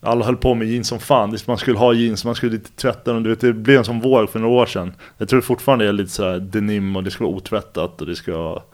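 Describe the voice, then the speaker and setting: A man's voice: on the low side, hardly any pauses. Laid-back man telling stories. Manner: relaxed, rambling, filler-heavy Swedish slang. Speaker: interview guest. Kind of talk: casual conversational storytelling.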